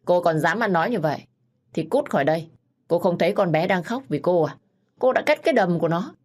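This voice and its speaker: A woman's voice: deep voice, fairly even intonation, fairly quick, lightly acted. A woman voicing a stern, haughty older mother-in-law with a cold, scolding manner. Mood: angry scolding.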